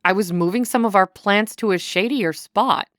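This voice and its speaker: A woman's voice: medium pitch, normal speed, no room sound, clean studio sound, close to an everyday voice. A woman voicing a defensive, snappish woman with an indignant snarl in a cozy mystery audiobook. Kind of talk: audiobook character dialogue.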